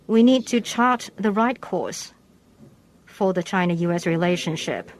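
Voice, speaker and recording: A live interpreter voice translating a leader's formal remarks, measured and restarting now and then to keep pace. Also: medium pitch. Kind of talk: simultaneous interpretation of a formal statement.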